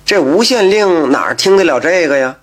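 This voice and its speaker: A man telling a folk tale in a lively, colloquial narrating style. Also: on the high side, moderate pace. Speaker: storyteller. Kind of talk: traditional folk storytelling.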